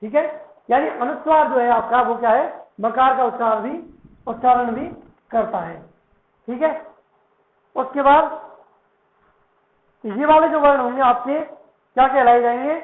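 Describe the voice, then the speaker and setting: A man's voice: very high voice, a little slow, long pauses. A male Sanskrit teacher giving a lesson, who keeps asking questions and answering them himself, and repeats words to drill their pronunciation. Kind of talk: classroom lesson. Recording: echoey room, tinny phone-like sound.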